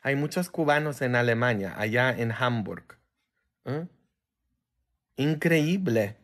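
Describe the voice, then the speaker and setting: Slow-talking priest with a Polish accent. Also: male voice, expressive, a bit bright. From Poland. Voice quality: low-key, tired-sounding delivery. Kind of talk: casual livestream chat.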